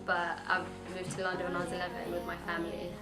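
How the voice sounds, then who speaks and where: A woman from Eritrea speaking calmly and evenly in a documentary interview. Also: fairly low pitch, fast. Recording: echoey room, loud music bed.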